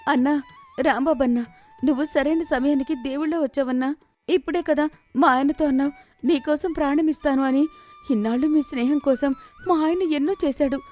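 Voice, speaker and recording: A woman voicing a shrewd village housewife who scolds, complains and wails in an animated story. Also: high-pitched, a little fast, soft background music, pitched above the performer's own voice, natural voice. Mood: pleading. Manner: scolding, then loud theatrical wailing.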